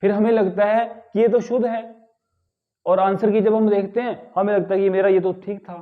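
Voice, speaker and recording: A high-pitched man gives a grammar lesson, stretching out words one at a time to show how they should be said. He keeps asking whether his listeners have followed. The recording sounds slightly dull and lo-fi. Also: little pitch movement. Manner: repeats words slowly to correct pronunciation, asks "ठीक है?". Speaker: Hindi grammar teacher. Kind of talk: spoken lesson.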